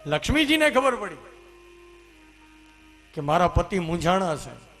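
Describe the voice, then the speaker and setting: A man preaching a religious story discourse, in an animated manner that rises to loud exclamations. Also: high-pitched, unhurried, soft background music. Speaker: katha preacher. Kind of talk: sermon storytelling.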